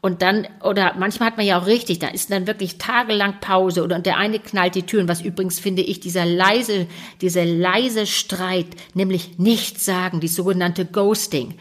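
Woman on a chat show, relationship expert, animated, keeps acting out what people say, medium pitch. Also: brisk, hardly any pauses. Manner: lively, animated, acts out quoted voices. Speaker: podcast co-host, relationship expert. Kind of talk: casual conversational talk.

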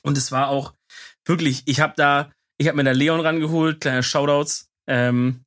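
A young man chatting casually on a podcast, relaxed and teasing, with many fillers. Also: a little high, a little slow. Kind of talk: casual chat.

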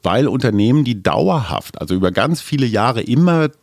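A man hosting a podcast in casual chat, animated and joking as he asks questions. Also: medium pitch, moderate pace, vocal fry, no echo, studio quality. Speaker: podcast host.

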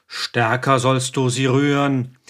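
A man's voice: medium pitch, little pitch movement, takes it slowly, fairly bright tone. A man voicing a stern priest exorcist who commands and scolds a demon in a preaching tone. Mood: commanding.

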